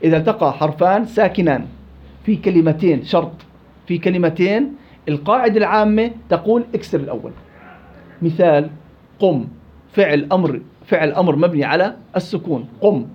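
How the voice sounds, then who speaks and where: Quick high-voiced teacher. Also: male voice, expressive. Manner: quizzing students, repeating and drilling examples. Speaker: Quran recitation teacher. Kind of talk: classroom tajweed lesson. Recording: dull lo-fi classroom recording.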